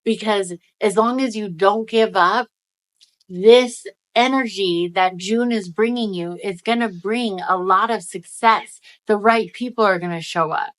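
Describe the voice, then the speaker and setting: A woman's voice: medium pitch, unhurried, poor audio. A woman giving a casual, encouraging, emphatic motivational talk to viewers, speaking out of the side of a mouth numb from the dentist. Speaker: spiritual energy-reading video host.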